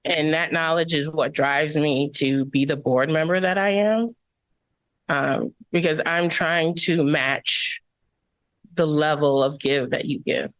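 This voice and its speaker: A woman's voice: low-pitched, slow pace, no echo, rough recording. A woman school board member giving earnest, impassioned remarks at a public meeting.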